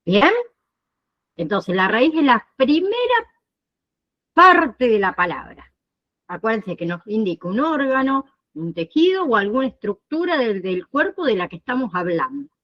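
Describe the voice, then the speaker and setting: A woman instructor teaching an online nursing class, explaining slowly and often pausing to check that students follow. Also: a little high, big pitch swings, highs cut off. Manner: explains slowly, checks understanding with frequent "¿sí?" and "¿bien?".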